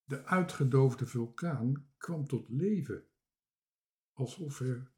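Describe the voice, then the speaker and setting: A man reading a children's book aloud with expressive storytelling. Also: medium pitch. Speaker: reader.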